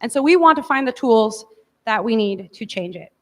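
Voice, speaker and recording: A woman's voice: a little high, expressive, moderate pace, fairly bright tone. A woman giving an informal lecture to a class in a casual, hedging way, speaking in a large echoey room. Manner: casual, hedging, often says like. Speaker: teacher leading a class. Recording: echoey hall, long reverb.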